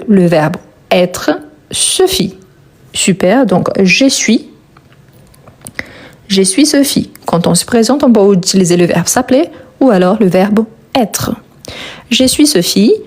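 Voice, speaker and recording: A woman teaching French grammar, repeating each step with slow, careful dictation and brief encouragement. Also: mid-range voice, darkish tone, husky. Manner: slow, deliberate dictation with repetitions. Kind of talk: grammar lesson, spelled out slowly.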